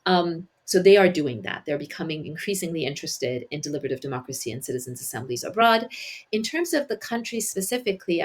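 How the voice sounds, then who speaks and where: A woman talking as a guest in a conversational interview, explaining policy in a measured way with frequent restarts. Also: fairly low pitch. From Iran.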